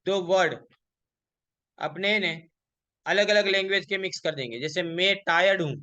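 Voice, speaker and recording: A man teaching an exam revision lecture, asking questions and answering them himself, and reading English examples slowly. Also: high voice, pushed and bright, dull audio. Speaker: college lecturer.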